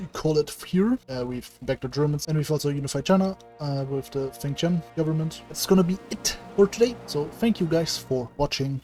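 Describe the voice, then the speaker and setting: A man's voice: fairly high pitch, mellow. A man hosting a let's play, narrating his strategy game moves in a casual, dry way with the odd swear word. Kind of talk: gameplay commentary.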